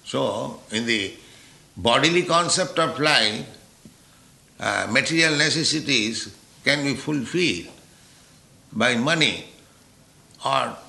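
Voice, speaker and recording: Male spiritual teacher, slow and deliberate, forceful gravelly voice, roomy echo. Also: medium pitch, animated. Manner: deliberate, with rhetorical "huh?" checks. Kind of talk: philosophical lecture.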